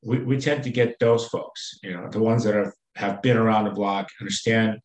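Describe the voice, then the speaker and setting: A man speaking as a company executive in a business interview, halting with many fillers and restarts. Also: lowish voice, steady tone, reverberant, poor audio.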